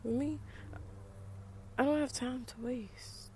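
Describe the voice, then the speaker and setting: Southern US woman, casual vlog monologue, mellow warm tone, frank and emphatic with conversational asides. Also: sits high, steady tone, slow pace, a little hiss or hum. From United States. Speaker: vlogger.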